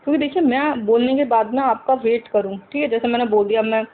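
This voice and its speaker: A woman teaching English to Hindi speakers. She talks slowly, repeats each example sentence several times and keeps asking the viewers questions. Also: fairly high pitch, steady tone, phone-quality sound, a little hiss or hum.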